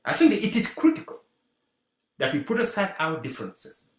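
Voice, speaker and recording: Animated guest. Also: medium pitch, normal speed. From Senegal. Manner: animated, repeats rallying phrases. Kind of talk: earnest community talk. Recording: roomy echo.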